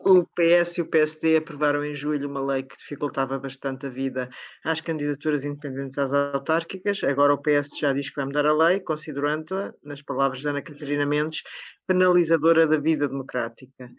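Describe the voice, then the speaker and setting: A host with a European Portuguese accent, moderating a political panel in a brisk and pointed way. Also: mid-range voice, fairly even intonation. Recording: slightly dull, lo-fi sound.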